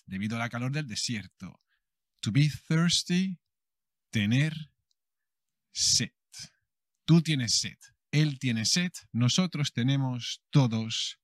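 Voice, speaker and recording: A man from Spain with a Castilian accent, teaching a lively bilingual Spanish lesson and acting out small everyday scenes. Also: fairly high pitch, no echo, studio quality. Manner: animated, acts out little everyday scenes.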